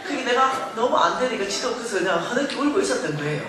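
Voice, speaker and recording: A middle-aged woman speaking at a revival meeting, telling her story in an animated way and acting out the voices in it. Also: fairly high pitch, fast, a crowd in the background, noisy background. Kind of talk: testimony sermon. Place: large church hall. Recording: echoey hall recording from far off.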